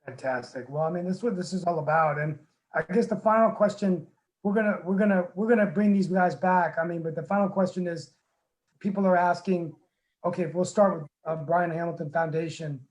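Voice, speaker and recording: A man hosts a webinar over a video call. His voice sits a little high for a man. He rambles earnestly, with many restarts and fillers. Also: brisk, poor audio. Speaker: webinar host, town council member. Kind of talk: casual webinar talk.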